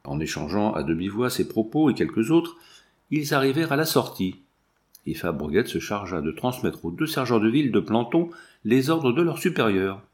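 A man narrating a classic novel in an even, measured storytelling voice. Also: lowish voice. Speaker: audiobook narrator. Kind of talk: scripted narration.

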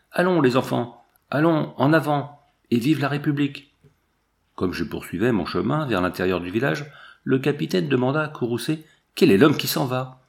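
Homme au débit posé, narration de livre audio. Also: male voice, on the low side, creaky. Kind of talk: scripted narration of a memoir.

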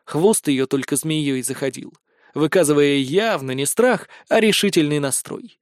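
A man's voice: a little high, moderate pace, no room sound, clean studio sound. A man reading a first-person fantasy story in a wry, slangy, conversational manner. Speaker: audiobook narrator.

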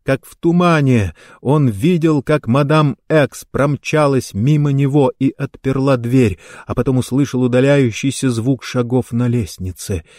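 A man reading a story aloud in slow, measured narration. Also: mid-range voice, darkish tone, dry recording, studio quality. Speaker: audiobook narrator.

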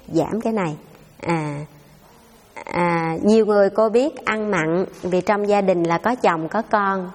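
A woman's voice: mid-range voice, a little mellow, in a large hall, a little hiss or hum. A Buddhist nun giving a dharma talk, answering questions in a conversational storytelling way and speaking straight to her listeners. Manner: conversational storytelling, addresses audience directly.

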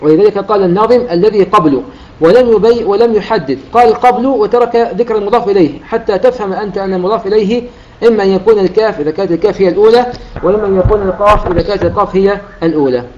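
A man teaching the rules of Quran recitation, explaining a classical poem line by line and slowing down to recite the examples. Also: sits high, darkish tone. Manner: explanatory, quotes verses in a slow chanted delivery. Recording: dull lo-fi recording.

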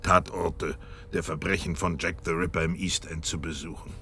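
Doctor Watson, lowish and earnest. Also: male voice, steady tone, moderate pace, vocal fry, sharp tone, full character voice. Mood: earnest, slightly piqued. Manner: earnest, incredulous, blustering. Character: Dr. Watson, loyal, trusting, easily indignant male doctor. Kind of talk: German radio play dialogue.

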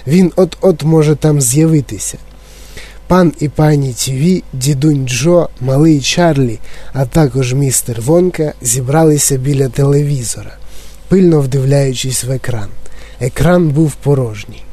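A man's voice: mid-range voice, moderate pace, breathy edge. A man narrating a children's book expressively. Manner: expressive storytelling. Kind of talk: audiobook narration of a children's novel.

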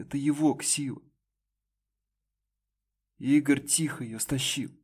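A man's voice: medium pitch, a little mellow, breathy edge, pitched above the performer's own voice. A man voicing a young woman who pleads and sobs, then turns scornful, in an audiobook. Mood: confessing. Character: desperate, bitter young woman, ex-lover.

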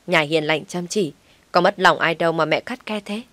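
A woman's voice: low-pitched, fairly quick, a bit bright, dry recording. A woman reading a story aloud, voicing a young husband who speaks earnestly and holds back his feelings. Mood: insistent. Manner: pleading, insistent.

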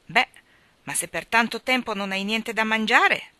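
A woman's voice: a little high, measured pace, dry recording, voice pushed up. Woman doing an eager, proud young boy. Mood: earnest. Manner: eager, exclaiming, grows louder. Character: earnest young boy, proud master's son.

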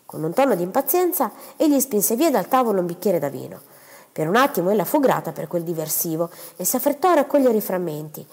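Woman audiobook reader, expressive and measured, in a reverberant hall. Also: mid-range voice. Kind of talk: novel read aloud.

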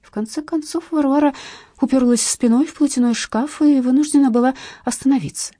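Woman narrating an audiobook, dark voice. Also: high-pitched, a little fast, no echo, clean studio sound.

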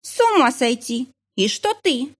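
A woman's voice: high-pitched, very animated, measured pace, husky, voice pushed up, exaggerated voice. A woman voicing a rude, irritable female hospital duty nurse who talks in a snappish, dismissive way. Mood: gossiping.

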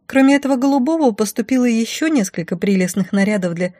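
A woman's voice: a little high, lively intonation, fast, warm tone, no echo, clean studio sound, pitched above the performer's own voice, natural voice. A woman voicing a nervous, eager-to-please young female shop assistant who speaks hesitantly and politely.

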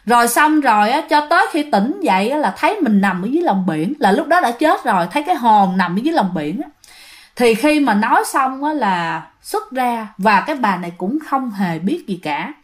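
A woman's voice: on the high side, sing-song, moderate pace. A woman telling a ghost story in a chatty way, often turning to speak to her listeners. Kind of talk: storytelling narration.

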